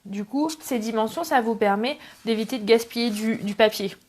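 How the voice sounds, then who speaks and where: A woman's voice: fairly high pitch, moderate pace, darkish tone. A middle-aged woman hosting a casual live craft tutorial, chatting with viewers and greeting them by name between steps. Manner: chatty, greets viewers, self-deprecating asides. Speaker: craft livestream host. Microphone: camera on tripod.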